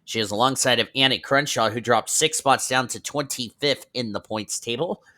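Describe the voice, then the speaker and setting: A man's voice: mid-range voice, normal speed, pushed and bright. A man calling a simulated stock car race as host, checking the standings aloud and correcting himself as he goes, with a bit of a cough. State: coughing, slightly under the weather. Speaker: race commentator. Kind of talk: play-by-play sim racing commentary.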